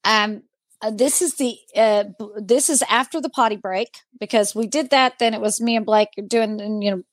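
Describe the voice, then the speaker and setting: Higher-voiced woman recounting a ghost hunt. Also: normal speed, no room sound. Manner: animated storyteller, imitates the voices she heard. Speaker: paranormal investigator and podcast co-host. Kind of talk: casual chat reviewing ghost-hunt audio.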